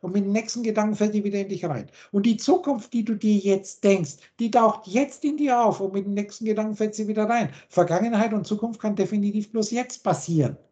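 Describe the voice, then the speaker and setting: On a video call, this teacher explains word roots by lecturing through long lists of words and meanings. Her mid-range, dark-toned voice moves a little fast, with few pauses.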